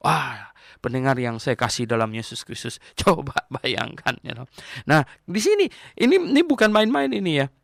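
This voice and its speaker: An older male pastor preaching a Bible teaching sermon in an animated, emphatic way. He repeats key phrases and chuckles between points. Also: medium pitch, normal speed, vocal fry, no echo, clean studio sound.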